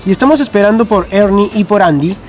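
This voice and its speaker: A man's voice: sits high, fast, faint music behind. A man hosting a travel vlog, talking straight to the viewers and explaining things outdoors on a city street. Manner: addresses viewers directly, explanatory. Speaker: travel vlogger host. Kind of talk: vlog narration.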